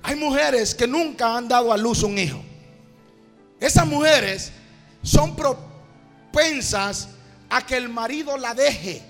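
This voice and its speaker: High-voiced, gravelly fervent male preacher. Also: a bit bright. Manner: fervent, drawn-out, addresses "hermano". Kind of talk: evangelical sermon. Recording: reverberant hall, faint music.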